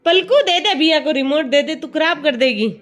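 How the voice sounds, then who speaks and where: A woman's voice: high voice, lively intonation, moderate pace. A young woman vlogging at home in casual chat, talking to and coaxing small children. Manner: chatty, scolding and coaxing children. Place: home indoors.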